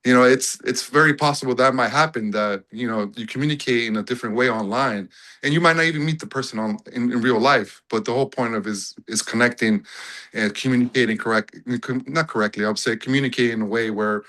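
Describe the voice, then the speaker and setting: Casting: man, bright tone, relaxed storyteller calling in over a video call. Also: mid-range voice, quick pace, poor audio. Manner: easygoing storyteller. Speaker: audience member calling in. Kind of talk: casual call-in chat.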